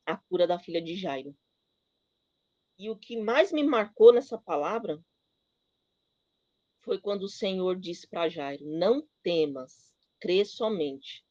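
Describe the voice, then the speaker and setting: A middle-aged woman giving a personal testimony at church, telling her story with emotion and halting with many fillers. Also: on the low side, warm tone, no room sound, muffled recording.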